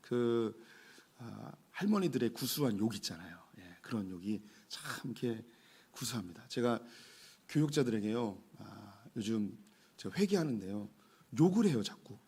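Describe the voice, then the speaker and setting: Husky Korean pastor preaching a sermon. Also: male voice, on the low side, sing-song, normal speed. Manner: warm storytelling with frequent "예" asides. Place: church sanctuary.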